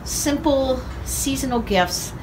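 A woman's voice: high-pitched, slow pace, background noise. An older woman who owns a farm gift shop, walking through it and cheerfully describing what is on the shelves in a casual tour. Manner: upbeat, enthusiastic, listing items. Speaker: shop owner giving a tour. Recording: roomy shop with music behind.

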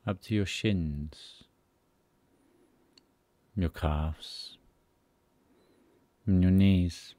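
With a deep, dark and mellow voice, a man leads a relaxation meditation extremely slowly. He is soothing, measured and unhurried, placing pauses between short phrases, and there's no echo.

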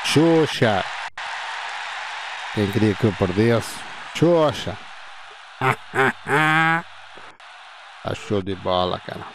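Man in his fifties, excitable, shouts at the game, very lively pitch. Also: extremely slow, pauses often, background noise. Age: 50s. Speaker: gamer playing a football video game. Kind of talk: excited live game-playing commentary.

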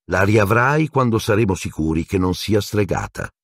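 A stern older woman professor, clipped and icy, her voice lifted well above a man's usual low register, as a male narrator puts her on. The sound is dry and close, with a husky grain and lively rises in pitch. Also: normal speed, no room sound. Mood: firm. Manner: clipped, cool and severe.

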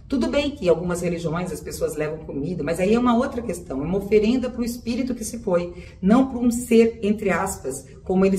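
A woman's voice: lowish voice, darkish tone. A woman therapist giving spiritual advice in a conversational way, repeating phrases and often speaking straight to her listeners. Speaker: holistic therapist. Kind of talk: spiritual advice talk to viewers. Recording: roomy echo, voice a bit far from the mic, faint background noise.

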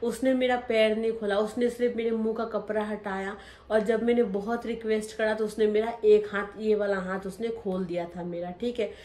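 A mellow, mid-range female voice speaks at normal speed with a steady tone. The young woman shares her life story emotionally, facing viewers and acting scenes out. Echo from a roomy space colors the recording.

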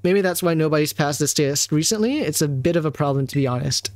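A man's voice: on the high side, fast talker, dry recording, studio quality, natural voice. A man reading a formal female league champion's lines aloud, with only a faint hint of a put-on Spanish accent. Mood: formal, gracious. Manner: reads the text aloud in a formal tone, hinting at a weak Spanish accent.

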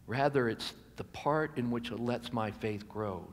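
An American pastor in his sixties preaches from a church pulpit into a gooseneck mic, his mid-range voice amplified in a reverberant hall. He speaks in a measured, deliberate way, pausing for emphasis and letting phrases trail off softer.

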